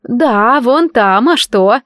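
A woman voicing a brisk, obliging female wedding organizer with a bright, raised voice. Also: on the high side, animated, dry recording, studio quality, pitched above the performer's own voice. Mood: eager, obliging.

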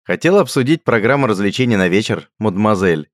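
A man voicing a mocking, jokey young male friend who talks loud, teasing and lively. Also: on the low side, fairly quick, no echo, studio quality, pitched above the performer's own voice, close to an everyday voice.

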